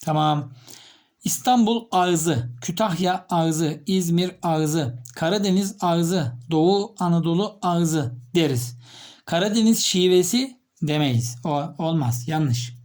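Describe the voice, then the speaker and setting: A male teacher giving a literature lesson, asking his students questions and repeating key terms slowly as he writes. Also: on the high side, a little mellow. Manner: explains step by step, repeats key terms while writing; addresses students directly with questions.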